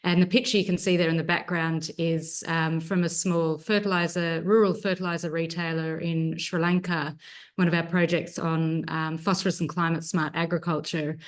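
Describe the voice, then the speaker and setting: A woman with an Australian accent speaks from home over a video call. Her voice sits low, and her delivery is earnest and dotted with "um" fillers as she works through a research talk. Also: level tone, normal speed. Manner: earnest, many 'um' fillers. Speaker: research presenter. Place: home at night.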